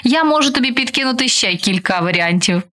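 A woman radio co-host quizzing and answering in a brisk, matter-of-fact way. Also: fairly high pitch, lively intonation, pushed and bright. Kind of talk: language quiz chat.

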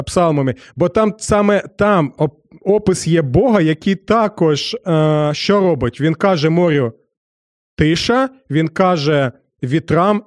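A man's voice: high-pitched, darkish tone, no room sound, clean studio sound. A man preaching and teaching from the Bible to his listeners, asking rhetorical questions and acting out the speech of figures in the story.

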